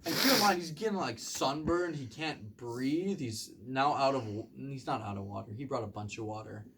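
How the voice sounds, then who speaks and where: A young man doing rambling stand-up comedy, halting with ums and likes and acting out the voices of people in his stories. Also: medium pitch, a bit bright, a little hiss or hum. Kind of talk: rambling comic storytelling.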